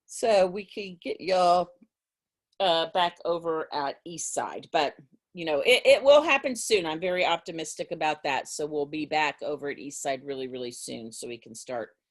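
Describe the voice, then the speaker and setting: A woman's voice: low voice, normal speed. A woman teacher talking to her class over a video call in a casual, rambling way, with many restarts. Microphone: video call mic.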